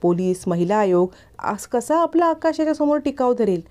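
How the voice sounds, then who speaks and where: A woman's voice: on the high side, lively intonation, moderate pace, mellow, voice pushed up, natural voice. A woman voicing a scheming middle-aged woman of the house who talks in an anxious, accusing way.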